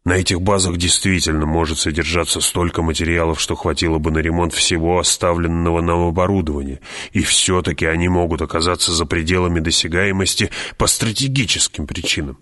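A man reading an audiobook, voicing a loyal advisor who speaks carefully and in measured warnings. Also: low-pitched, fairly even intonation, a bit bright. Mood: cautious.

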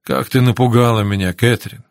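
A kind, steady man talks gently to a friend in a hospital bed, as a male audiobook narrator voices him. The voice sits at an ordinary middle pitch and is recorded dry and close. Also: normal speed, gravelly, no echo, close to an everyday voice. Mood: gentle. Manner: gentle and warm. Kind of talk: audiobook character reading.

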